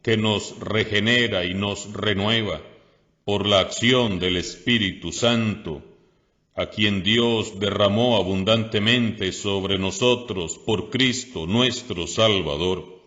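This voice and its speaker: A Costa Rican priest reading scripture aloud in a slow, measured way, then preaching a homily. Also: male voice, fairly low pitch, bright, forceful tone. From Costa Rica. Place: parish church. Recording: dull lo-fi audio with long church reverb.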